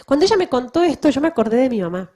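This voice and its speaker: A woman's voice: high voice, big pitch swings, racing, warm tone. A woman missionary giving a testimony to a church audience, emphatic and full of rhetorical questions. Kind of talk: public talk to a church audience.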